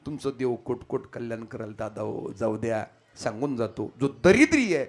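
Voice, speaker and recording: Preaching a devotional kirtan sermon at a moderate pace, a man narrates stories and speaks straight to the audience. His pitch swings widely, from quiet asides up to loud, high-pitched exclamations.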